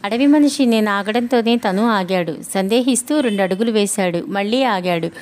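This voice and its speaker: A woman narrating a children's adventure story in a steady, plain storytelling way. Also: mid-range voice, normal speed. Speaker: audiobook narrator.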